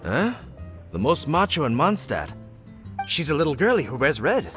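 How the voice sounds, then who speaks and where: A soulful, theatrical bard from a video game, chummy and full of himself. His fairly high voice rises and falls dramatically over faint music. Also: huge pitch swings, moderate pace, a bit bright. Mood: chummy, eager. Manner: theatrical, says "amigo". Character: dramatic, chummy male bard, soulful and self-absorbed storyteller.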